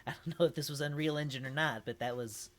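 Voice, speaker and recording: A woman's voice: low-pitched, quick pace. A woman streamer chatting and reacting aloud as she plays a game, laughing often. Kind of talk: let's play commentary.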